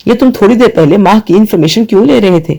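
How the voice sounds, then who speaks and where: Angry young friend yelling at his buddy, man voicing him, higher pitched. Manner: angry, loud, scolding.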